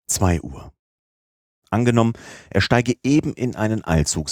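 A man calmly narrating a classic novel as an audiobook, in a measured reading style. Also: on the low side, no echo, studio quality.

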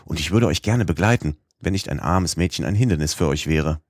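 A man's voice: extremely low pitch, brisk, no room sound, clean studio sound. A man voicing a brave, cheerful young girl in a storybook reading, lifting his voice into a lilting tone. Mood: eager.

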